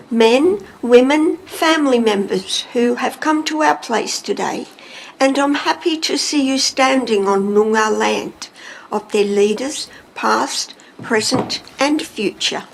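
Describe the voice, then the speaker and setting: Gravelly formal woman mayor. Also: on the high side. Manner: measured, formal procedural delivery. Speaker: mayor chairing a council meeting. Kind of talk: formal meeting chairing. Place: council chamber. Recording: echoey chamber, faint room hiss.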